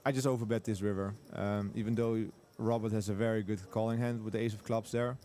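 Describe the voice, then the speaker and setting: A man's voice: lowish voice, steady tone, a little fast, mellow. A man commentating live poker, breaking down hand strategy in detail with frequent restarts and repeated agreement.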